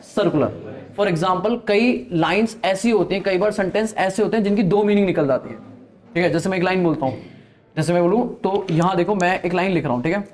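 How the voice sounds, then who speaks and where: A man's voice: high-pitched, a little mellow. A man teaching a classroom of students, quizzing them and checking "okay?" after each point. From Delhi, India. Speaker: accounting teacher. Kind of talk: classroom lecture.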